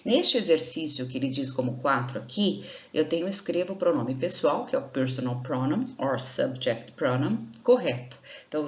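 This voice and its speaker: A Brazilian woman teaching English grammar in a recorded video lesson, patiently drilling example phrases slowly. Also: very deep voice. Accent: Brazilian Portuguese. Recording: roomy, dull lo-fi sound.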